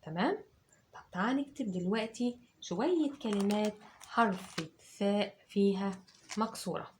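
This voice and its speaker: An Egyptian woman teacher dictating words to children, patiently breaking them into drawn-out syllables and repeating them. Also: medium pitch, a little mellow, slight background noise. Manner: slow, syllable by syllable, drawn-out sounds.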